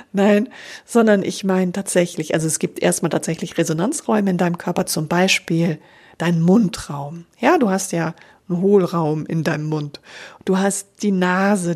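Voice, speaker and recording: A woman giving a calm, explanatory voice lesson and speaking directly to the listener. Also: on the low side, breathy edge. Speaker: voice coach. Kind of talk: spoken voice lesson.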